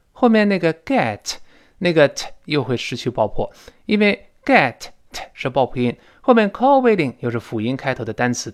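A man teaching spoken English. He explains pronunciation and repeats words slowly, drawn out to demonstrate, with frequent jumps in pitch for emphasis. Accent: Mandarin Chinese.

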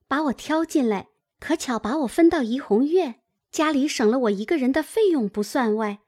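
A woman's voice: high voice, a little mellow. A woman reading as a chatty, gossipy young maid girl who talks on indignantly.

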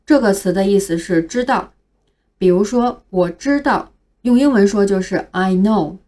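A woman's voice: mid-range voice, warm tone. A woman teaching English pronunciation in a scripted phonics lesson, carefully spelling out each word letter by letter. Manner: slow, careful spelling out of words.

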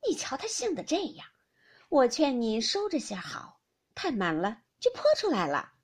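A woman reading aloud as a bantering, sharp-tongued noble lady who scolds with a laugh. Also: fairly high pitch, huge pitch swings, normal speed, husky, full character voice. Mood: teasing.

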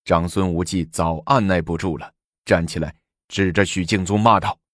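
A man telling a historical tale in a lively, dramatic traditional storytelling manner. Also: sits low, moderate pace, dry recording, clean studio sound.

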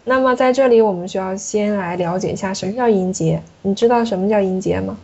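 Husky woman teaching pronunciation. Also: mid-range voice, fast, darkish tone, lo-fi sound. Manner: patient, questioning, drills the student. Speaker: French teacher. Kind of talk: classroom pronunciation lesson.

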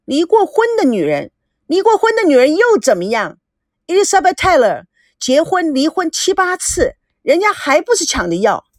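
A proud, quick-tempered young woman, put on by a female reader, scolds in a shrill, angry voice that jumps high and dips hard. The sound is dry and close, with no room around it. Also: sing-song, no echo. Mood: furious.

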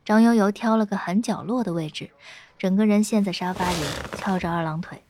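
A woman narrating a web novel in a steady, lightly playful storytelling tone. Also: medium pitch, a little fast, noisy background. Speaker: audiobook narrator.

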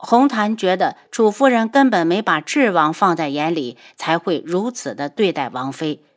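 A woman narrating a web novel audiobook in an expressive, storytelling way. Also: moderate pace. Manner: animated storytelling with wide pitch swings.

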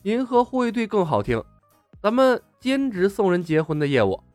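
A man's voice: high-pitched, very animated, normal speed, darkish tone, dry recording, soft background music. Man reading a sly confident team leader. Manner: teasing, self-assured.

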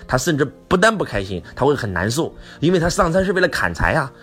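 A man's voice: on the high side, sing-song, fast talker, fairly bright tone, faint music behind. A man giving a motivational lecture who keeps asking the audience rhetorical questions.

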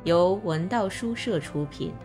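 A woman narrating a novel as an audiobook, in calm, measured storytelling. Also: on the low side, soft background music.

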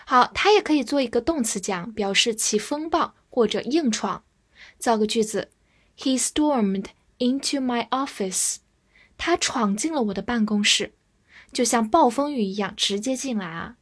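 A woman's voice: fairly high pitch, animated. A woman teaching English vocabulary in a scripted lesson, spelling each word out letter by letter. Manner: slow, spells words letter by letter.

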